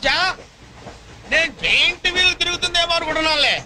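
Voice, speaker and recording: An actor playing a boastful husband who scolds his wife without pause in a comedy film scene. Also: heavy background noise. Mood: ranting. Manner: shrill, frantic, scolding nonstop. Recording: film scene under loud music.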